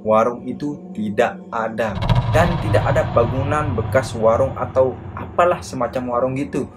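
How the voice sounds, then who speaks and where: A man's voice: mid-range voice, normal speed, over loud music. A man narrating a horror story in a casual, slangy first-person way, over a noisy background.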